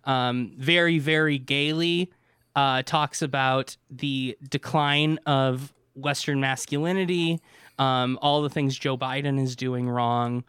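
A man's voice: mid-range voice, steady tone, slow pace, a bit bright, clear, resonant tone, no echo, clean studio sound. A man hosting a casual sports podcast, talking bluntly and sarcastically and swearing freely. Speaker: podcast host.

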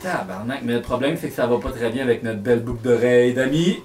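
A man's voice: mid-range voice, quick pace, far from the mic, noisy background. A man with a Quebec French accent, joking and swearing as a tabletop player. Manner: jokey, swearing.

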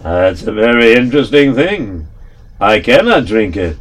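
Calm clever old rabbi, slow and careful, yiddish words mixed in, a man voices him. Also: on the low side, voice pushed down. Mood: feigned regret. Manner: gentle, deliberate, sprinkles Yiddish words. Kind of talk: storytelling with put-on voices.

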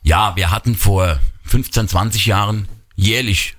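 A man's voice: on the low side, measured pace, fairly bright tone. A man, chair of a showmen's association, steadily explaining as a radio guest. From Bad Kreuznach region.

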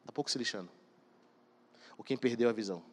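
A pastor with a mid-range voice preaches quickly and emphatically, speaking right to the congregation. Long hall reverb and slight background noise fill the recording.

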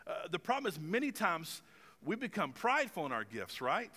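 Preaching on a reverberant church stage, this man of about forty has a high, pushed, bright voice with huge pitch swings at a normal speed, and the sound fills a big room. He's conversational and pokes fun at himself, stumbling and using fillers here and there.

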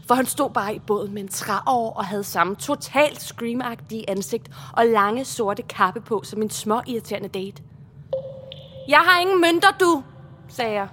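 A woman's voice: medium pitch, fairly bright tone, slight background noise. A woman narrating a comic story in a brash, sassy, exaggerated way.

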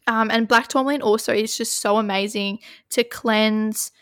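A woman co-hosting a podcast in casual chat, talking fast and loose with lots of fillers. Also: a little high, fairly even intonation, fairly bright tone, no echo, studio quality. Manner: chatty, filler-heavy, many "like"s. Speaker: podcast co-host.

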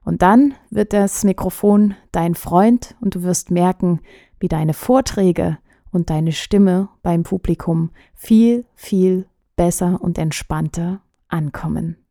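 A woman voice coach hosting a podcast, giving calm, direct advice to the listener. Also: lowish voice, slow, creaky, dry recording, clean studio sound.

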